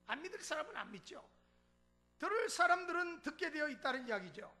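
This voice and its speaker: A man's voice: very high voice, a little fast. A man preaching a sermon as pastor, telling a story and acting out the dialogue with chuckles. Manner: animated, acts out dialogue, chuckles. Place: church sanctuary.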